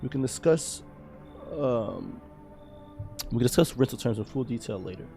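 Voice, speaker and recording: A man's voice: mid-range voice, expressive, normal speed, gravelly, dark tone, soft background music. A man voicing a prim, uptight male game character in a nerdy, indignant voice. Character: prim, fussy male would-be renter, uptight.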